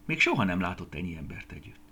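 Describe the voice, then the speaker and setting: Expressive man reading a storybook. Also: low-pitched, a little hiss or hum. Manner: expressive, lilting.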